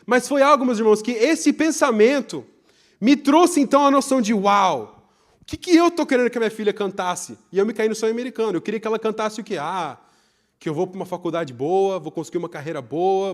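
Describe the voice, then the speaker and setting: A young Brazilian man preaching a live sermon in church, swinging between loud emphasis and hushed asides. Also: high voice. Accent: Brazilian Portuguese.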